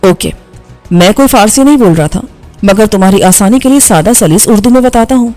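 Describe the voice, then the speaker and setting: A woman's voice: mid-range voice, expressive, mellow, faint music behind, lightly acted. Woman voicing an angry young male engineer. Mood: bitter. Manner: harsh, scolding delivery. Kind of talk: audiobook dialogue reading.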